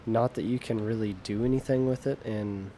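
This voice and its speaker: A man's voice: fairly low pitch, steady tone, moderate pace, mellow, slight background noise. A young American man giving casual, self-deprecating commentary over gameplay, often trailing off mid-sentence. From United States. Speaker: gaming video creator.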